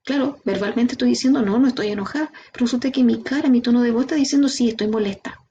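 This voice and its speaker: A woman with a Chilean Spanish accent giving a training lecture, lively, asking her students rhetorical questions. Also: fairly high pitch, fast, lo-fi sound, slight background noise. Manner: lively, talks to the class directly with rhetorical questions. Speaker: instructor.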